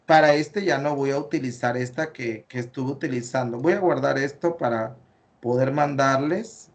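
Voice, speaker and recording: A man's voice: medium pitch, normal speed. A man with a Mexican Spanish accent, teaching an online class and going over student work step by step, with many fillers. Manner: explains step by step, corrects patiently, many fillers.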